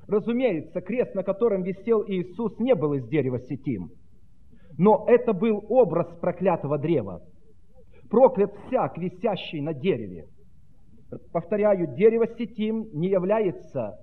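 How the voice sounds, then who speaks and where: A man preaching a sermon with fervent, rhythmic delivery that swings between loud proclamation and hushed tones. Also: high-pitched. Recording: tinny phone-like sound.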